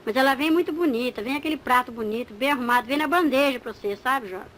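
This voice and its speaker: A woman's voice: sits high, fast talker, a bit bright, slight background noise, low-quality recording. A woman giving a spoken religious testimony, telling her story with animation and acting out the dialogue. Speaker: church member giving testimony.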